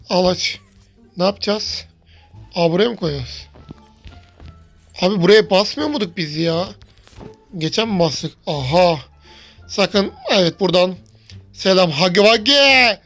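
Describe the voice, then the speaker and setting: A man in the middle of a let's-play, talking straight to his viewers as he plays. He is chatty and easily rattled, breaking into yells when something startles him. Faint game music runs underneath his voice. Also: sits high. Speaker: gaming YouTuber.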